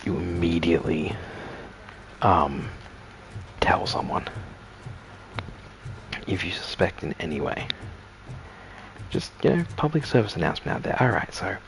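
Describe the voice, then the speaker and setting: Male streamer, very low gravelly voice, casual chatty commentary. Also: sing-song, measured pace, long pauses, slight background noise, rough recording. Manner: chatty, wry asides.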